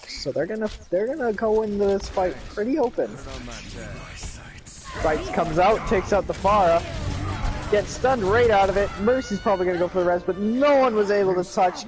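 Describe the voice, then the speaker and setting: A man giving live play-by-play commentary on an esports match, with excited calls and joking asides. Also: high voice. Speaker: esports caster.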